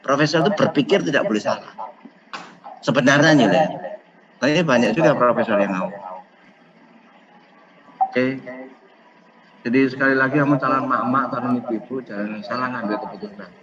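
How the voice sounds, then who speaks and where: A man giving a casual online lecture, animated and acting out what parents say, slipping in phrases. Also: mid-range voice, normal speed, long pauses, muffled recording, crowd noise. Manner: animated, mixes Javanese phrases, acts out parents. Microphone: video call.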